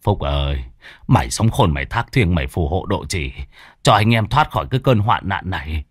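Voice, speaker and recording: A man voices a grave, superstitious young gang leader in a spoken horror tale, murmuring a low, solemn prayer. The voice sits low, and the close, dry recording leaves no room sound. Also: expressive, moderate pace, husky, no echo. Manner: low, solemn praying, then urging.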